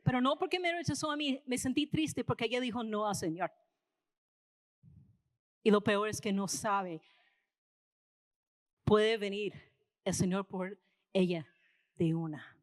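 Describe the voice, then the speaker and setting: A high-voiced woman with an American accent preaches in Spanish, speaking as if chatting with her congregation and often tagging her points with a quick question. Her voice carries the long echo of a church hall. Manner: casual storytelling, tags lines with "¿verdad?". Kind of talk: conversational sermon. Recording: reverberant hall.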